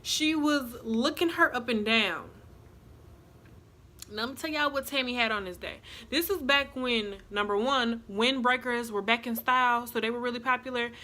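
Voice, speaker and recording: Young woman, higher voice, bright and forceful, chatty storyteller. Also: normal speed. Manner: chatty, animated storytelling with asides to viewers. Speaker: vlogger. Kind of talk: casual storytime.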